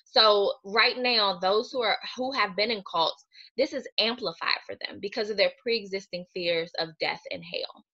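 Bright-toned woman giving a lo-fi webinar talk. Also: medium pitch, moderate pace. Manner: earnest, explanatory, steady lecturing. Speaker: clinical social worker presenter.

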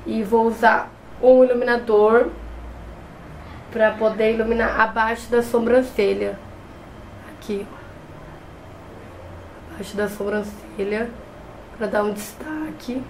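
Taking it slowly and pausing often, a young woman with a cold speaks in a steady, fairly high, a little mellow voice. The audio is poor with a little hiss or hum. She's a beauty vlogger chatting through a makeup tutorial close to the camera in front of her, often restarting words, in a small bedroom with shelves and a clothes rack.

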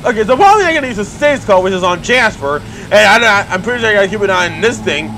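A young gaming YouTuber with a high, expressive voice talks fast through a horror game let's play, jumpy and swearing a lot. He yelps and shouts at the scares, with game music behind him and slight background noise.

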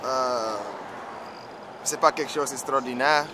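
A man's voice: medium pitch, steady tone, slow. A man in his twenties from Texas with a Cajun and Creole French accent, answering interview questions casually and searching for words. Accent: Louisiana French, Creole and Cajun. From Texas, United States. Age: 20s. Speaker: musician being interviewed, fiddler. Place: outdoors in a yard by a house and street. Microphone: camera mic a short distance away. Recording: noisy outdoor camera recording.

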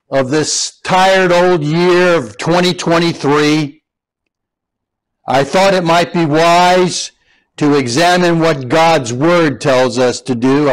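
A man preaching a sermon as pastor, slow and emphatic, repeating key words with rising stress. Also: a little high, rough recording. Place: church.

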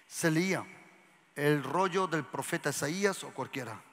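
A pastor preaching to his congregation, moving hushed whispers to shouts and asking the crowd questions. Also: a little high, expressive, moderate pace. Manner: asks the congregation questions and has them repeat lines. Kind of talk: lively sermon to a congregation. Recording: church hall with long reverb.

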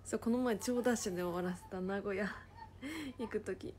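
A woman casually chatting on a livestream, reading viewer comments aloud and often dropping into a soft whisper. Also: mid-range voice, moderate pace, slight background noise. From Japan.

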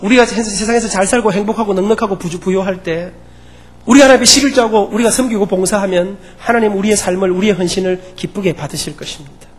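Brief: an elder voicing an earnest, gently persuasive pastor with a high voice. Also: male voice, fast talker, lightly acted.

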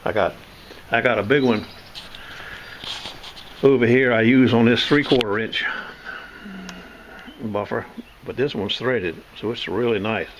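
A man's voice: medium pitch, measured pace, long pauses, lo-fi sound, a little hiss or hum. An older man, casually demonstrating tools in his home workshop, rambling and folksy. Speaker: knife sharpener showing his shop tools.

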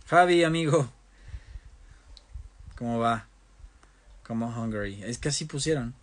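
A man's voice: mid-range voice, animated, a little slow. A young man, chatting casually on a phone livestream, reading out viewer comments and switching between Spanish and English. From Mexico. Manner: reads viewer comments aloud and answers them in turns. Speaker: livestream host.

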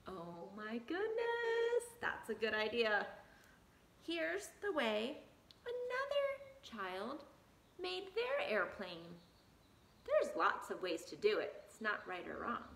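A woman's voice: high-pitched, very animated, measured pace, gravelly, fairly bright tone. A woman in her thirties teaching preschoolers on video, with a broad, singsong children's-presenter delivery full of simple questions. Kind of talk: children's lesson addressed to young kids. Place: small bare-walled room indoors. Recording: echoey room, faint background noise.

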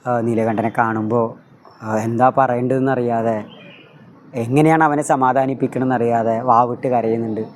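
A man's voice: mid-range voice, darkish tone, slight background noise. A man teaching a school lesson, retelling a story with feeling, with a Malayali accent and frequent filler sounds. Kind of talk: retelling a textbook story for a class.

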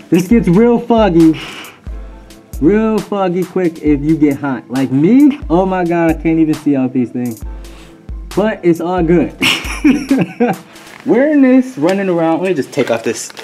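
A man's voice: sits high, expressive, unhurried, long pauses, warm tone, soft background music. A young man vlogging casually, talking through a gas mask while he fumbles with his gear and laughs at himself. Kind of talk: casual show-and-tell vlog.

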